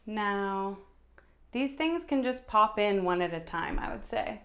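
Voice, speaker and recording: A woman's voice: mid-range voice, lively intonation, a little slow, a bit bright. Chatty woman teaching stop-motion. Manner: chatty, talks while working, muttering asides. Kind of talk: casual tutorial talk.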